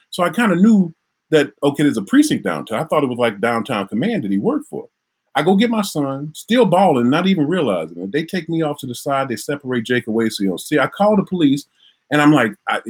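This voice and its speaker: A middle-aged man from Minnesota recounting a personal story in an animated way, repeating words and acting out the voices. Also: a little high, husky. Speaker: interviewee recounting a traffic stop.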